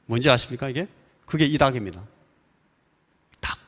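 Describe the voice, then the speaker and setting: A Korean man delivers a Sunday sermon with lively storytelling, now and then imitating rooster crows and the voices of people in the story. His voice sits at an ordinary middle pitch. A long church-hall reverb trails after his words. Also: moderate pace. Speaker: pastor. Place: church sanctuary.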